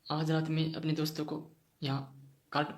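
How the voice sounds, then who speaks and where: A man's voice: fairly high pitch, completely flat delivery, normal speed, lightly acted. A man reading as an eager sweet-talking niece. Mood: pleading. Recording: roomy echoey room.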